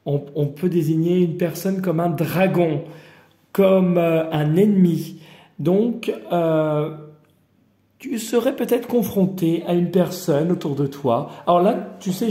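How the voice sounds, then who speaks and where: In a slightly high, warm voice, a Parisian-region man who posts daily guidance videos gives an offhand, improvised card reading. He rambles in a familiar tone and talks directly to whoever is watching, and the room sounds spacious and echoey.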